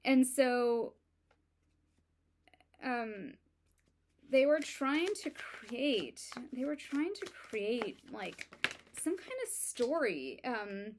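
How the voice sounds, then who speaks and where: A woman giving a casual tarot reading, talking in a halting way with many fillers and restarts. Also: fairly high pitch, lively intonation, a little hiss or hum. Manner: halting, many ums and likes, self-admitted stuttering. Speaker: tarot reader.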